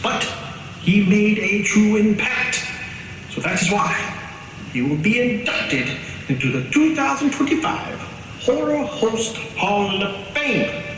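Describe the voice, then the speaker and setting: A man playing a flamboyant, vain horror host baron with pompous, theatrical, drawn-out delivery. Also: high voice, very animated, a bit bright, full character voice. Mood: theatrical, gracious. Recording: echoey room, distant mic, background noise.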